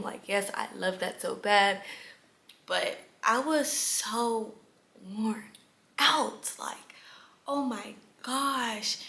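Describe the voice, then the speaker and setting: A young woman in her late teens telling her story in a casual, chatty vlog, animated and prone to whispered asides. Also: medium pitch. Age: young adult. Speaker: vlogger. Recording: echoey room with faint ambience.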